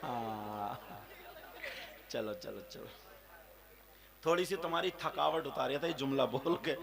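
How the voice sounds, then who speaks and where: A male preacher giving a Ramadan sermon, telling a story and addressing the congregation with questions, moving from quiet asides to shouted, half-sung emotional peaks. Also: medium pitch, unhurried, creaky, a crowd in the background. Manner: asks the congregation direct questions.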